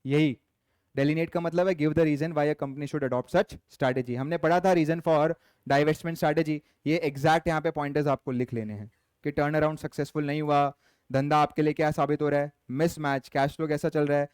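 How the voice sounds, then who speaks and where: This commerce lecturer is a young man whose voice is clear, smooth, a touch high and a little mellow. He switches between Hindi and English while teaching, firmly scolding his students and reading exam questions out slowly. It's a close, dry recording with no echo from the room.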